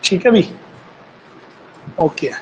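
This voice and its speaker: Man, online teacher, repeats definitions slowly, light background noise. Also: mellow, low-quality recording. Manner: slow dictation, repeating phrases for students to write. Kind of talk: online Hindi grammar lesson.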